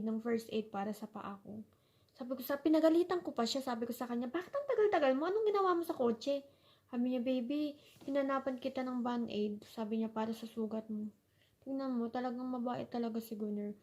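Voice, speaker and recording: A young adult woman from the Philippines telling a story in a chatty casual vlog, slipping English phrases in and laughing at herself. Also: fairly high pitch. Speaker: vlogger.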